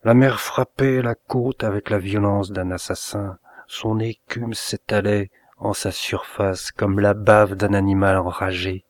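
Slow, low-voiced man reading a dark tale. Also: steady tone, no room sound. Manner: slow, measured, dramatic reading. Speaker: reader of short stories. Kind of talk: first-person literary narration.

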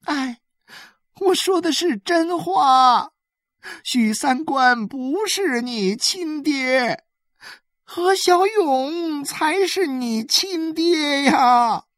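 A woman voicing a desperate village woman who begs and weeps, with drawn-out wailing pleas. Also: sits high, animated, a bit bright, no room sound, clean studio sound, voice pushed up, full character voice. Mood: tearful pleading.

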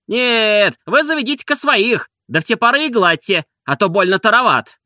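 Sneering coachman a guy voices, way up high, bright and snappy, sarcastic. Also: lively intonation, moderate pace, dry recording, studio quality, exaggerated voice. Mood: jeering. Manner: sarcastic, jeering. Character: sneering mocking male coachman, quarrelsome.

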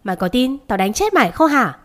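Hot-tempered young male bully, curses, growls his threats, played by a woman narrator. Louder than the narration. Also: fairly high pitch, very animated, a little fast, voice pushed up. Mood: threatening. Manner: cursing, snarling threats.

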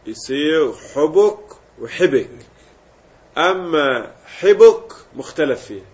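A grammar teacher with a fairly high voice explains word patterns to his class, saying each form out loud one by one. The recording is dull and lo-fi. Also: lively intonation, takes it slowly. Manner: explains step by step, repeating word forms aloud. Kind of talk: classroom lesson.

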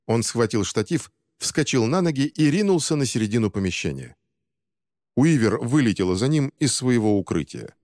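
A man narrating an action thriller audiobook in a steady, dramatic reading. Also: medium pitch, normal speed, dry recording, clean studio sound, big-room sound. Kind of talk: scripted narration.

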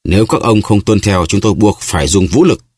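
A man's voice: fairly low pitch, fairly quick, a little mellow, husky, dry recording, clean studio sound. A man voicing a haughty male guard captain who barks officious orders in an audiobook. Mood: commanding.

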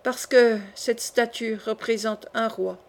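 A frightened older man who gives evidence in a faint, hesitant voice, read by a woman narrator. The pitch sits fairly high, and he drags out his reluctant answers. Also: steady tone, slow pace. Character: frightened older male perfumer witness. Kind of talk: audiobook character reading.

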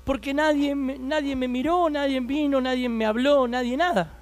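A man's voice: very high-pitched, steady tone, moderate pace. A man in his thirties with an Argentine accent, telling his life story as a fervent preaching testimony and speaking straight to his listeners. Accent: Argentine Spanish.

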